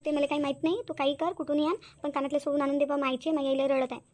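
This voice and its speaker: A woman's voice: high-pitched, flat delivery, rapid-fire, darkish tone, lightly acted. A woman voicing a remorseful young daughter in a cartoon, blaming herself. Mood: insistent. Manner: guilty, self-reproaching monologue. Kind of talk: cartoon voice acting.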